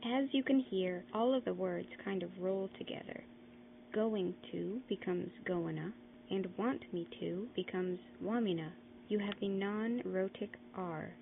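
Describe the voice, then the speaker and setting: Woman narrator for an accent tutorial, clear and measured; tinny lo-fi audio. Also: mid-range voice. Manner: clear, deliberate, slows down to demonstrate words. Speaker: narrator explaining a dialect. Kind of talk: scripted educational narration. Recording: lo-fi phone-like audio, faint noise.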